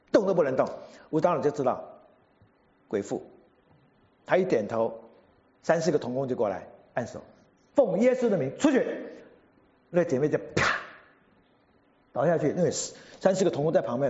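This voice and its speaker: A male preacher giving a sermon, telling a story in an animated way and acting out what people said. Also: medium pitch, dull audio. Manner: animated storyteller, acts out quotes.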